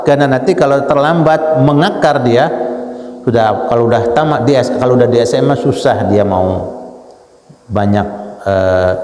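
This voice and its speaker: A male Islamic preacher giving a dawn sermon in a mosque, emphatic, jumping up high on the words he stresses and weaving in Arabic phrases. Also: darkish tone. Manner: emphatic, leaps to high pitch on key words, mixes in Arabic. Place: mosque hall. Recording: echoey mosque hall with long reverb.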